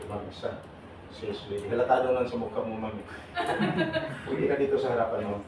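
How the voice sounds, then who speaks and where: A man's voice: medium pitch, fairly even intonation, brisk. Jokey man speaking in an echoey hall. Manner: teasing, jokey, calls on audience members. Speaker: seminar speaker for overseas workers. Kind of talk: lively seminar talk with audience questions. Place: large hall with audience. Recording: echoey hall, voice from far off, noisy.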